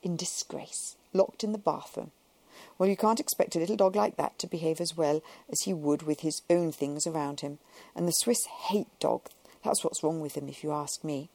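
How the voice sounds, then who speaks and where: Woman narrator doing a gossipy rich lady, drawly and bossy, low gravelly tone. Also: normal speed, warm tone, dry recording. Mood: catty drawl. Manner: imperious, drawling, indiscreet. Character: languid, luxurious, gossipy upper-class woman.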